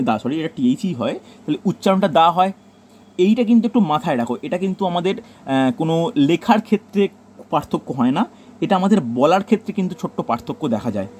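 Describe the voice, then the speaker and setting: A male teacher with a Bengali accent gives a classroom grammar lesson. His voice sits slightly high and has a mellow, dark tone. He keeps repeating key points and tells the students to note them down, with a faint hiss of noise under the recording.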